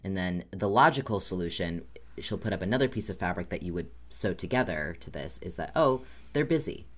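A man's voice: low voice, animated, fairly quick, a bit bright. A man hosting a podcast, explaining things casually with many "uh"s and "um"s. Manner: explanatory, with frequent "uh" and "um" fillers. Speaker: podcast host. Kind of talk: casual conversational chat.

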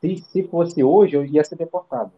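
A man's voice: on the high side, moderate pace, breathy edge, muffled recording. A man from Brazil in casual interview chat, telling a story in a slangy, rambling way full of fillers and restarts. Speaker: interview guest. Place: living abroad in Ireland.

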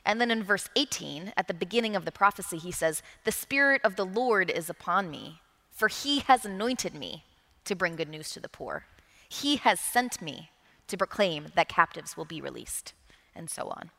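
A woman's voice: fairly low pitch, expressive, moderate pace, creaky, bright, forceful tone. A woman preaching a sermon, earnest, repeating key phrases for emphasis. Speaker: pastor. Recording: long reverb of a large hall.

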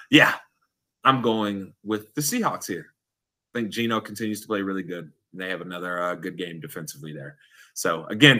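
A young man hosting a casual football picks show, animated and slangy, laughing often. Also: sits low. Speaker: podcast host. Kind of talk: casual sports picks chat.

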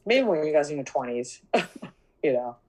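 A woman in her thirties telling a story in casual podcast chat, animated, acting out dialogue and laughing often. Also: sits low, a little slow, low-quality recording. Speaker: podcast co-host.

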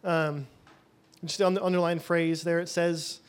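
A man's voice: on the high side, flat delivery, measured pace, smooth. A man teaching a Bible session in a loose, conversational way, thinking aloud as he goes.

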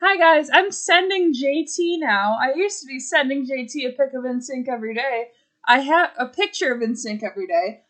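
A woman co-hosting a casual chat among friends, joking with quick asides. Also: sits high, lively intonation, fairly bright tone. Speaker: podcast co-host.

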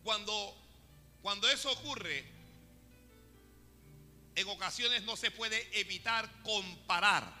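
A male preacher delivers an animated sermon and talks straight to his congregation. His voice sits high and sounds very bright. It rings out in a church hall with a long echo, and faint music plays in the background. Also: takes it slowly, pauses often.

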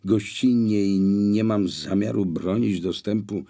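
A man voicing a calm blind young man who answers intruders placidly with a little irony. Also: fairly low pitch, a little slow. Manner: placid, mildly ironic.

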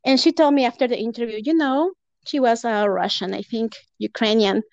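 A high-voiced woman, a guest on a podcast, chats casually at a fairly quick pace with a creaky edge. She comes across as earnest and warm-hearted, laughing between phrases. The recording is dull, dry and lo-fi, with no room sound.

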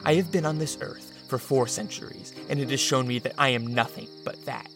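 A man's voice: medium pitch, a little fast, over music, lightly acted. An actor playing a weary, centuries-old male vampire count, formal, subdued and hesitant, in a radio drama. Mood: bleak, subdued.

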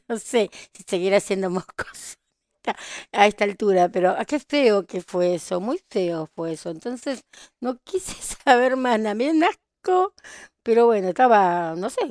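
Chatty Argentine woman, smooth dry voice. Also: medium pitch, no room sound. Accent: Argentine (Rioplatense). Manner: chatty, nostalgic storytelling with laughs. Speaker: podcast host. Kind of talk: casual chat.

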